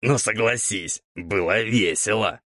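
A man's voice: fairly low pitch, unhurried, a bit bright, no room sound, clean studio sound. A man voicing a playful, sly male ghoul mentor who teases his pupil, in an audiobook. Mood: teasing. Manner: teasing, amused. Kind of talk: audiobook character voice.

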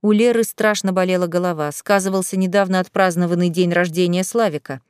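A woman narrating an audiobook chapter in a lively, expressive reading. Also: lowish voice, brisk, clear, resonant tone, dry recording. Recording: dry close studio sound.

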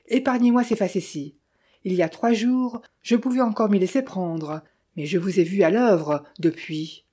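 In a storybook reading, a woman voices a tense young man posing as a detective, speaking curtly and clipped, as if through clenched teeth. Her medium-pitched voice is mellow with a breathy edge, lightly acted, at a moderate pace.

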